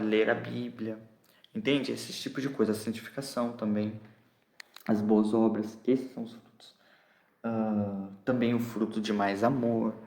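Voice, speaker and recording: A man with a Brazilian Portuguese accent preaches an expository sermon, explaining a scripture passage and often asking "entendeu?" to check that listeners follow. His voice is low and darkish with vocal fry, in a reverberant space.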